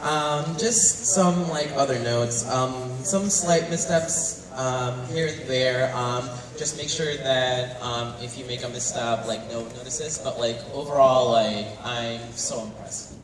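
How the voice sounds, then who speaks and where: A man's voice: mid-range voice, slow. A man judging a dance competition, speaking tentatively with lots of um and like. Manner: tentative, heavy with um and like. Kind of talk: live spoken feedback. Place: large hall at a live competition. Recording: echoey hall from far off with crowd.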